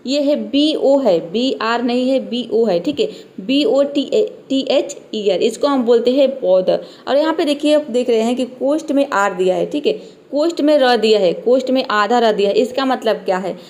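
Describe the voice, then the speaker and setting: A woman with a slightly high voice leads a spoken vocabulary lesson. She breaks each English word into letters and syllables and says it slowly. She adds a short check-in phrase after nearly every point. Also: a little mellow. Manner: spells words letter by letter, slows on English words; keeps repeating "theek hai". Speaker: English teacher.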